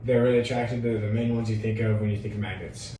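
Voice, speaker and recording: Male science segment presenter, heavy room echo, dark monotone delivery. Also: on the low side, fast talker. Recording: very echoey room, distant mic, faint noise.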